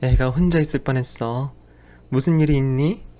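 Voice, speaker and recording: A worried older mother in a radio drama, read by a man, speaking in a gently reproachful way. She sounds calm but concerned. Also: medium pitch, normal speed, close to an everyday voice.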